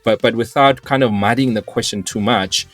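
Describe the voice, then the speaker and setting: A man's voice: mid-range voice, steady tone, moderate pace, faint music behind. A man hosting a business podcast, asking long, rambling questions with many restarts. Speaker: podcast host. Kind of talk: casual interview talk.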